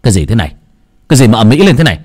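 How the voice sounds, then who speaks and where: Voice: deep voice, very animated, normal speed, darkish tone, husky, exaggerated voice. A storyteller voicing a short-tempered young husband who barks curt orders. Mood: harsh.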